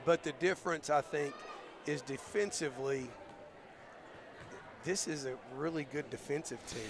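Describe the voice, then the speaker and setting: A male basketball coach, talking in a halting, thoughtful way with many fillers, his voice going hoarse, in a postgame interview. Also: fairly high pitch. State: losing his voice. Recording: crowd noise behind.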